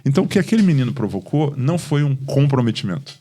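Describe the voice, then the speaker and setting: Speaking quickly in a mid-range voice, a Brazilian man who is a pastor tells animated stories during a podcast conversation, acting out the dialogue. He has a Brazilian Portuguese accent.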